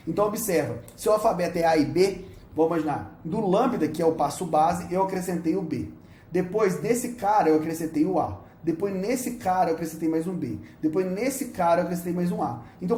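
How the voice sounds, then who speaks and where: A Brazilian man lecturing at a university, with lively pitch that jumps up and down as he explains. He talks in a playful, animated way and keeps checking that students follow. The room around him echoes. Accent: Brazilian Portuguese. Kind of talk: recorded lecture.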